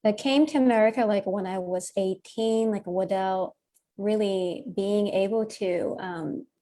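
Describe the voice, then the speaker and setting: Slow-spoken woman. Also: mid-range voice, warm tone. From Japan. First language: Japanese. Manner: halting, searching for words, many fillers. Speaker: guest musician. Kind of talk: casual interview talk.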